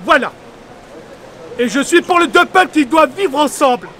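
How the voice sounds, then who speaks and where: A man's voice: extremely high pitch, expressive, normal speed, bright, forceful tone, slight background noise. A man at an outdoor street protest, angry and insistent, stumbling over his words with many hesitations and repetitions. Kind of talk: street interview.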